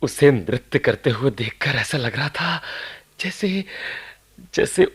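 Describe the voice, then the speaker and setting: A moony young groom sighs over the girl he loves in an old radio play. His voice is husky and breathy, and it rises and falls a great deal. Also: mid-range voice, animated, takes it slowly, heavily acted. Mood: dreamy. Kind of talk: 1980s radio play acting.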